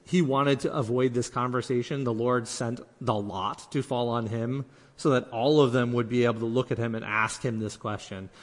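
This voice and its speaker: A man's voice: mid-range voice, steady tone, normal speed. Earnest male preacher in a reverberant hall. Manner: earnest, acts out quoted speech, many restarts. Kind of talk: sermon.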